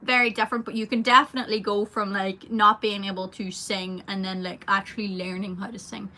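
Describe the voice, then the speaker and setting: Chatting through a casual livestream Q&A, this young singer reads out viewer comments in a fairly quick, rambling way full of fillers. Her medium-pitched voice sounds pushed and bright, with little pitch movement.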